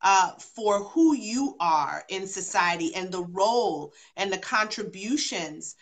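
Speaking at an unhurried pace, this woman has a medium-pitched, expressive voice. She was born in London and grew up partly in Jamaica and New York, and she's joining a talk show by video call for casual chat, earnestly repeating phrases to stress her points.

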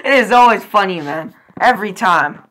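Bright, excitable reaction host woman. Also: mid-range voice, normal speed. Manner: excitable, swears a lot, slangy. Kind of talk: casual reaction commentary.

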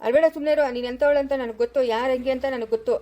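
A stern village elder who both scolds and soothes, voiced by a woman. The voice is high, quick and mellow, with rapid-fire questions. It comes from an amateur family drama. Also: fairly even intonation, close to an everyday voice. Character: stern but kindly elder brother-in-law, village farm owner.

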